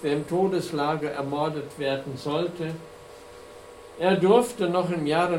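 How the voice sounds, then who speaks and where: Slow, earnest preacher in an echoey hall. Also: male voice, a little high, darkish tone. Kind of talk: sermon with slide presentation. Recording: echoey room with faint hum.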